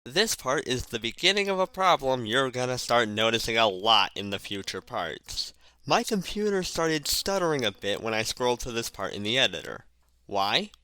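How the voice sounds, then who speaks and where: A man's voice: medium pitch, very animated, moderate pace, bright, forceful tone, smooth, dry recording. A man with a lisp and odd emphasis on random words, narrating a casual, sardonic, sweary video essay into a headset mic. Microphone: cheap headset mic.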